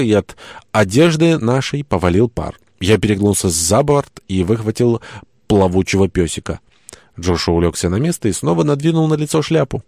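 A man tells a comic story in the first person with wry, lively delivery. His voice sits very low, and the recording is dry and close with no room sound. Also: dry recording. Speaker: narrator. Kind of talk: first-person audiobook narration.

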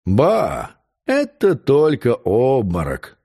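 A man voicing a scornful, mocking nobleman in an audiobook, speaking slowly and calmly. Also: on the high side. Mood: dismissive.

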